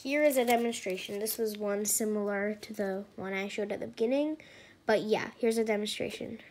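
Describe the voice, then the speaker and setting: A woman's voice: medium pitch, brisk, a little mellow. A woman hosting a comedic slime skit, exasperated and sarcastic, with lots of fillers. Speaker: channel owner.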